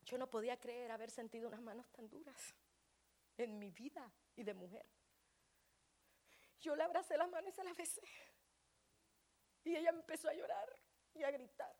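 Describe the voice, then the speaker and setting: A woman preaching a fervent sermon at a church service. She swings from shouting to hushed pleading and breaks into speaking in tongues. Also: high-pitched, normal speed, pauses often. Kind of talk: Pentecostal sermon.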